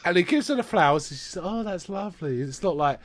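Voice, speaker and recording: A man co-hosting a podcast, retelling a film's plot in lively casual chat with asides. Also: fairly high pitch, fast talker, crowd noise. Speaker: podcast co-host. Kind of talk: casual film recap chat.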